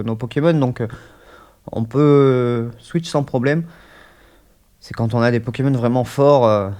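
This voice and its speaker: A gaming YouTuber, stuffy with a cold, casually narrates a let's-play session at his desk mic, full of fillers and hesitation. His voice sits mid-range and sounds a little mellow.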